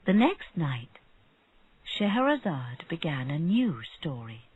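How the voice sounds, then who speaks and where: Woman narrator, slow storybook reading, lively intonation, dry muffled sound. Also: low voice. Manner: clear, deliberate, expressive.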